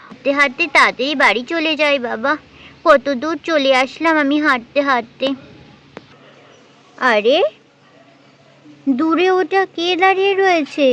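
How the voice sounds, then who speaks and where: A woman's voice: high voice, unhurried, long pauses, fairly bright tone. A woman voicing an elderly village mother-in-law in a doll story, talking homely and chatty to herself. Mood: puzzled.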